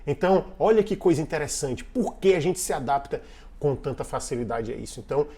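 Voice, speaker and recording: A man's voice: fairly high pitch, expressive, brisk, warm tone, breathy edge. A man coaching the viewer on team communication in a casual online lesson, talking conversationally, repeating and restarting phrases, and asking the listener questions.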